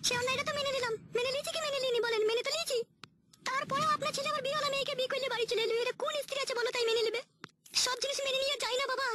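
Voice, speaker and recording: Woman voicing a shrill scolding cartoon mother. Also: fairly even intonation, recorded from a distance. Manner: scolding, rapid-fire complaints. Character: aggrieved middle-aged mother, sharp-tongued.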